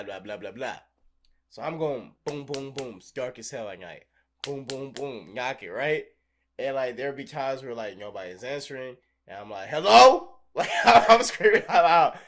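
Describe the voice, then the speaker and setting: A young man co-hosting a podcast, telling profane, animated stories and acting out scenes in casual chat. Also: medium pitch. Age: young adult. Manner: profane, animated storyteller who acts out scenes. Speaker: podcast co-host.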